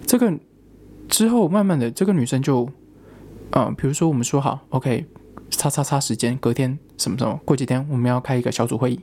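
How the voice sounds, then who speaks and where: A man's voice: medium pitch, brisk, a little mellow, a little hiss or hum. A young man, a student, telling a rambling personal story in casual chat, with frequent restarts.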